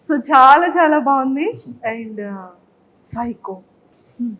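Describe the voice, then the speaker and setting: A woman interviewing a guest, enthusiastic and quick to praise him. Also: sits high, expressive, a bit bright, slight background noise. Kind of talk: casual interview talk.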